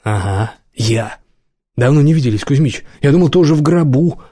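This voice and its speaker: A man's voice: mid-range voice, expressive, moderate pace, mellow, no echo, clean studio sound, pitched above the performer's own voice, lightly acted. A man doing a brash, wisecracking skinhead fighter. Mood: cheerful. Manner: cheerful, mocking, wisecracking.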